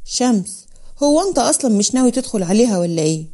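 A man's voice: extremely high pitch, very animated, racing, dark tone, exaggerated voice. A woman voicing a smug, crude young bridegroom who speaks in a cocky, teasing way in a told story.

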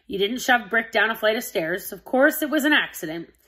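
A woman voicing a stern male middle school principal who talks in a measured, soft, deliberate way. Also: a little high, lively intonation, low-quality recording. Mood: firm.

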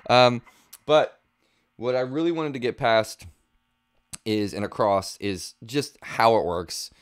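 Close on a boom-arm studio mic in a small home studio, a man in his thirties demos guitar gear casually, thinking aloud as he goes. His mid-range voice is slow, clear and resonant, with no room sound.

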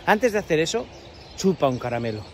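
A man's voice: fairly high pitch, very animated, fairly quick, a little hiss or hum. A man with a Peninsular Spanish accent rants sarcastically to camera while climbing a steep outdoor path, out of breath, rambling and crude. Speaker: vlogger. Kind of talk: walking vlog rant to camera.

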